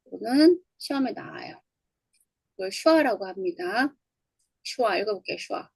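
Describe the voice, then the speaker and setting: Gravelly teacher woman, dry close sound. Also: mid-range voice, animated, moderate pace, a little mellow, no echo, poor audio. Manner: explains step by step, repeats words for drilling. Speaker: English teacher. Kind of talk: online lecture on English phonology.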